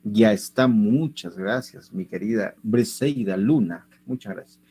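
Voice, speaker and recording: A man's voice: fairly low pitch, a little slow, dark tone, husky. A man teaching an online class. He asks his students lots of rhetorical questions.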